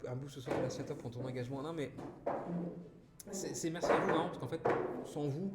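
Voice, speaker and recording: A man's voice: on the high side, brisk. A man hosting a casual live stream, chatting with viewers and reading their messages aloud, with many restarts and "voilà" fillers. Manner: chatty and warm toward chat, frequent restarts and "voilà". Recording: roomy echo with loud background noise.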